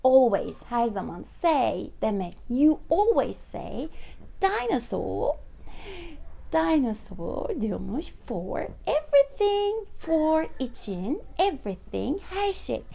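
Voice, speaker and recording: A woman from Turkey reading a children's book aloud as a lesson, slowly repeating each phrase and translating it. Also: fairly high pitch, sing-song, vocal fry, warm tone. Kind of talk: bilingual read-aloud lesson.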